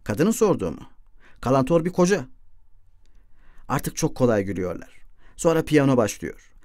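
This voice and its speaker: A man narrates a literary novel in a measured, mid-pitched voice, nudging his tone up for quoted dialogue. The sound is close and dry, with no room around it. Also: big pitch swings, a little mellow, no echo. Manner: reads dialogue in lightly shifted voices. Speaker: audiobook narrator. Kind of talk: literary audiobook reading.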